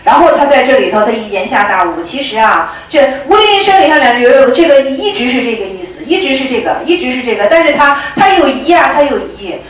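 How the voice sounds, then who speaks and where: A woman's voice: high-pitched, lively intonation, quick pace, hardly any pauses. A woman giving a Buddhist lecture who retells old stories and often repeats her phrases. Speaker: Buddhist teacher. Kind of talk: dharma lecture with storytelling. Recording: echoey room, mic far off.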